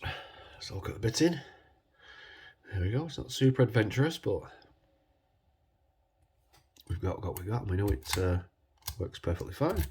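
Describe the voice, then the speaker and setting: A man congested with a cold, talking casually and hesitantly as he hosts a hands-on demonstration, his voice husky from man flu. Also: on the low side, animated, moderate pace, long pauses, a little mellow, slight background noise. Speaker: video host.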